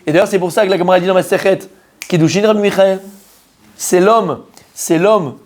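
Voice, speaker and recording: Un rabbin qui donne un cours de Torah en français, avec un ton vivant et direct, entremêlé de mots hébreux. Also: male voice, high-pitched, brisk. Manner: animated, addresses listeners directly, mixes Hebrew terms into French. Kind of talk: Torah lesson, lively sermon.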